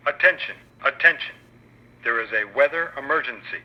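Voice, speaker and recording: A man giving a prerecorded emergency announcement over a PA loudspeaker, firm and measured. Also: medium pitch, very noisy. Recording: dull lo-fi loudspeaker in a building, heard from off.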